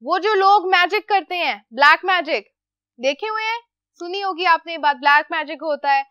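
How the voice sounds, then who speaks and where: A woman's voice: very high voice, expressive, moderate pace, sharp tone, no echo, lo-fi sound. A woman teacher, explaining a lesson to children patiently, asking questions and answering them herself. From Pakistan.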